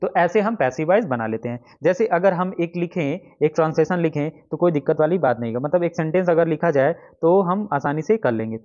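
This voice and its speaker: Fairly high-pitched yet darkish in tone, a male English teacher moves briskly and animatedly through an exam-prep grammar lesson with hardly any pauses. He explains step by step, echoing his own questions as he writes examples, in a dull lo-fi recording.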